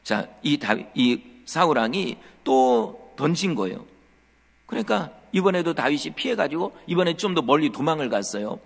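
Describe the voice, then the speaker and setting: A man's voice: on the high side, normal speed, gravelly, breathy edge. A man, a pastor, preaching a sermon to his congregation in a church, telling the story with animation and addressing the listeners directly. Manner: animated storytelling, acting out quotes. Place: church sanctuary. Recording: long church hall reverb.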